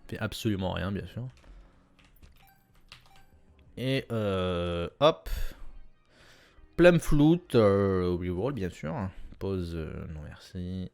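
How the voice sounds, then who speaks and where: A young man casually commenting on his own video game run, chatty and self-correcting with sudden excited bursts. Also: sits low, slow pace, gravelly, soft background music. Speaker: gameplay commentator. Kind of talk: casual let's-play commentary.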